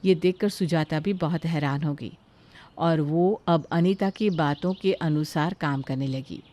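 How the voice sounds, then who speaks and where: Low-voiced woman narrating a story. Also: unhurried, warm tone.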